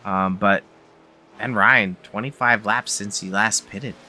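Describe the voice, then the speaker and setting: A Canadian man calling an online truck race as lead commentator, relaxed and chatty. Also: fairly low pitch, takes it slowly, slight background noise. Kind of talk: sim racing commentary.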